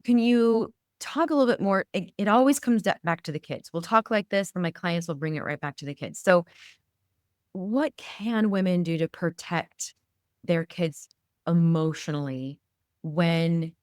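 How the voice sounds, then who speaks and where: Low-voiced woman podcast host. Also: a little slow, no room sound, studio quality. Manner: reflective, draws on her own experience. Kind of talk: podcast interview, casual chat.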